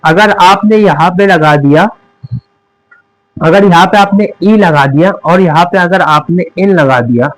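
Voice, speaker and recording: Slow, high-voiced Hindi-accented man teaching. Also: low-quality recording. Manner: slow, repeats each word as a question and answer. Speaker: English teacher. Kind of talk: spoken classroom lesson with repeated questions.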